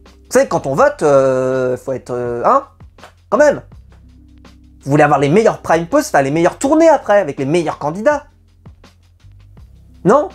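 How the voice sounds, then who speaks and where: A woman's voice: on the low side, darkish tone. A woman giving a casual, opinionated video review of a TV show, chatty and full of hesitations. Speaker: YouTube reality-TV reviewer.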